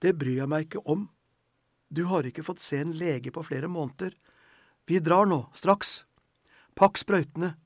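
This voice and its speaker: A protective thirteen-year-old boy who speaks firmly and will not be argued with, as a male narrator puts him on. His husky voice rises a little above the narrator's own. The recording is close and dry. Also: medium pitch, darkish tone, no echo, lightly acted. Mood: insistent. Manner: firm, insistent.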